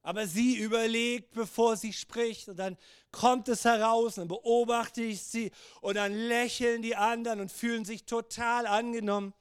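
A preacher in his fifties with a notably high voice tells his sermon as a lively, conversational story. The sound is close and dry, with no room echo. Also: moderate pace, clean tone.

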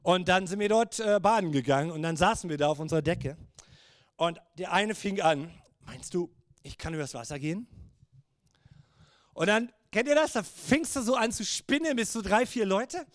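High-voiced storytelling preacher man. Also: normal speed, dry recording, clean studio sound. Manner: lively, conversational storytelling. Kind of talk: sermon.

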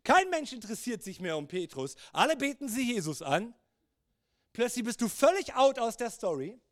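A man in his fifties preaching a sermon, telling stories in a lively, conversational way. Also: very high voice, normal speed, no room sound, clean studio sound.

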